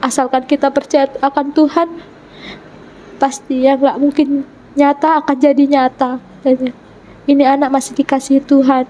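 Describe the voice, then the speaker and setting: A woman with a high voice and a soft, mellow tone tells her personal story to an interviewer. She speaks earnestly, pausing and restarting, and slips into the voices of the people she quotes. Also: little pitch movement, dull audio, slight background noise. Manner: retells events by acting out quoted dialogue. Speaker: convert telling her life story. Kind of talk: emotional personal testimony in an interview.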